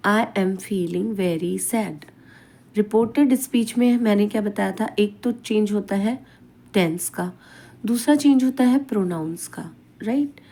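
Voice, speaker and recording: A woman talks through a grammar lesson at an unhurried, deliberate pace, stopping to ask her listeners questions and then answering them herself. Her pitch sits at an ordinary middle height, and she tacks a checking "right?" onto many of her points. She reads the English example sentences out slowly. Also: warm tone. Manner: slow, explanatory, asks and answers own questions, frequent "right?".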